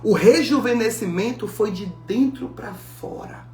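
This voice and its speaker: A woman preaching a sermon, telling the story with lively acted-out dialogue. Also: on the high side, measured pace, slight background noise. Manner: animated storytelling, acting out biblical dialogue. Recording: echoey room with faint music.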